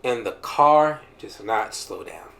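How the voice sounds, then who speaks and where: A man's voice: fairly low pitch, lively intonation, takes it slowly, creaky, fairly bright tone. A man in his thirties, hosting a show and telling a personal testimony with humor and emotional swings. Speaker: podcast host sharing a testimony.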